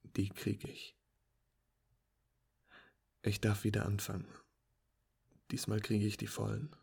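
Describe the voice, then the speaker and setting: Male first-person narrator, low husky voice, calm and wry delivery. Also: slow. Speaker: storyteller.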